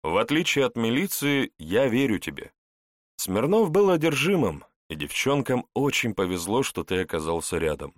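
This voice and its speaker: Male reader doing a polite, genial young official, calm and courteous, lively tone. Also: medium pitch, moderate pace, dry recording, studio quality, voice pushed up, close to an everyday voice.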